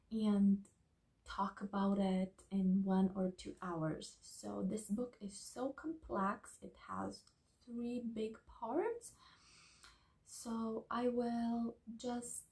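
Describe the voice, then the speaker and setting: A woman giving a soft-spoken ASMR book review, talking slowly and slipping into whispers. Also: on the high side, rough recording. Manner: slow, soft, partly whispered talk.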